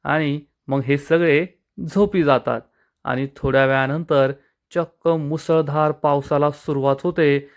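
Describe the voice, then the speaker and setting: A man's voice: a little high, fairly even intonation, measured pace. A man narrating a recap of a TV serial episode, retelling each scene plainly and voicing every character himself. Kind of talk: scripted narration.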